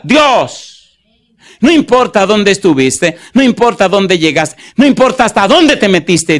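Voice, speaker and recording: A male pastor delivers a sermon in a fairly high voice. He stretches out scripture verses word by word and keeps asking the congregation questions to press his point. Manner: asks the congregation rhetorical questions; slows to stress scripture verses.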